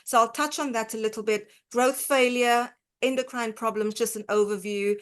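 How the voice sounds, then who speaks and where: In a fairly high, fairly even voice, a South African woman who works as a dietitian presents an online lecture with a South African accent. She hesitates often, filling pauses and beginning sentences again.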